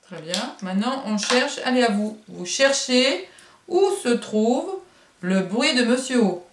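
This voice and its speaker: A woman's voice: a little high, expressive, slow pace, background noise. A woman kindergarten teacher giving a remote phonics lesson to young children, sounding words out syllable by syllable and encouraging them. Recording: roomy echo.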